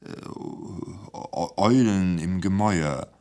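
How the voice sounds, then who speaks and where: A man reading aloud and voicing a timid male radio editor who stammers quietly. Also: sits low, lively intonation, takes it slowly, vocal fry, heavily acted.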